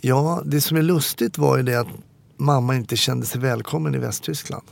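A man, a former police officer reflecting candidly on his life in an interview, with frequent pauses and hesitations. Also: mid-range voice, vocal fry. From Stockholm, Sweden.

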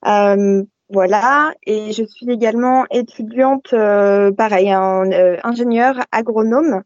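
A woman's voice: medium pitch, takes it slowly, darkish tone, no echo. A young woman from Brittany calling in to a radio show over an internet call, speaking hesitantly with many fillers. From Brittany, France. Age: young adult. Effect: caller heard over an internet call line. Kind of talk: casual call-in chat. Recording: dull, dry internet call audio.

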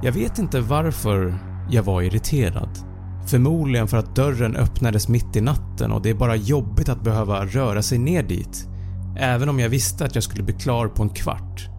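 A man narrating a first-person horror story in a measured, suspenseful way. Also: medium pitch, warm tone, faint music behind. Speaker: podcast narrator.

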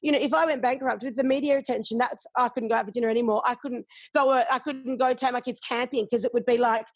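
A woman's voice: fairly high pitch, steady tone, quick pace, dry recording. A middle-aged Australian woman chatting candidly, swearing freely and acting out what others said. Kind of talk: casual chat.

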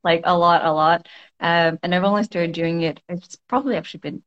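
A woman's voice: fairly low pitch, fairly even intonation, brisk, dull audio. A woman guest in a casual conversation, thinking aloud in a reflective way, with frequent fillers and restarts. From Toronto, Canada.

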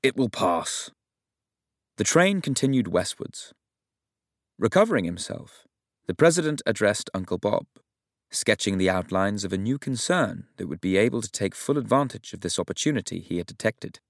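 A man reading a novel aloud as narrator in a measured, even storytelling manner. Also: fairly low pitch, creaky, dry recording, studio quality. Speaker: audiobook narrator. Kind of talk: scripted narration.

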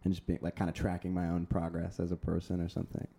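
A man's voice: sits low, completely flat delivery, fast talker, creaky, mellow, slightly rough. A young male singer chatting casually, laid-back and rambling, with casual swearing. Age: young adult. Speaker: singer-songwriter. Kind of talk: casual chat.

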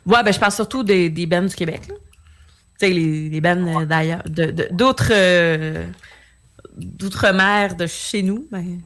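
A woman's voice: fairly low pitch, a little slow. A woman co-hosting a radio show, talking casually with a Québécois accent, with many fillers as she reads out listener messages. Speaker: radio co-host.

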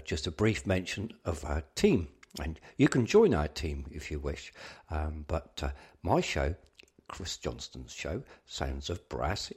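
A man's voice: extremely low pitch, a little mellow, slightly rough. A man hosting a brass band radio show, talking casually with lots of fillers and some rambling.

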